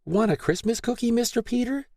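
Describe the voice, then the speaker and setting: A man voicing an eager, sweet preschool girl with a high, chirpy, excited voice. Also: brisk, no echo, studio quality.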